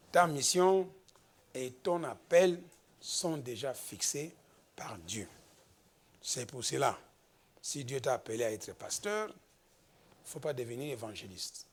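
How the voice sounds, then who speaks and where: This is a man from the Democratic Republic of the Congo, a pastor giving a slow, forceful sermon that climbs into exhortations, speaking with a fairly high pitch.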